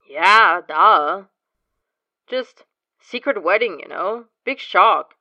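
A woman voicing a blunt young man, loud and incredulous, in a fan story read aloud. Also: medium pitch, animated, slow, dry recording, highs cut off, voice pushed up.

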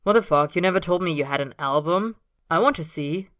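A blunt young man, loud and incredulous, who swears freely, as a woman reader acts him out. The voice is bright and sharp, recorded close and dry. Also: on the low side, fairly quick, no room sound, lightly acted.

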